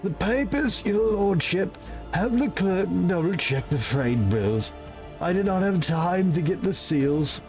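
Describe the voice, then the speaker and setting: A man's voice: high-pitched, expressive, measured pace, a little mellow, soft background music, pitched above the performer's own voice. A man voicing an ailing, loyal steward in a video game with a hammy, theatrical stage-actor delivery. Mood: weak, dutiful. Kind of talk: video game role-play read aloud.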